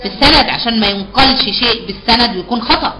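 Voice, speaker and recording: A woman's voice: a little high, lively intonation, racing, low-quality recording. A woman with an Egyptian accent teaching a live online Quran recitation class, patiently explaining and repeating key terms back as questions. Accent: Egyptian Arabic.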